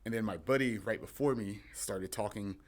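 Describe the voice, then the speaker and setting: A man's voice: on the low side, moderate pace. Laughing young man telling stories. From San Diego, USA. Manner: laughing, rambling storyteller. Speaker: guest, wrestler. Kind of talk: casual chat.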